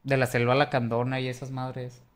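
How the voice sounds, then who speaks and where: A man's voice: mid-range voice, monotone, moderate pace. Man, casual co-host voice, doubtful and analytical. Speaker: podcast co-host. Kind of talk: casual chat.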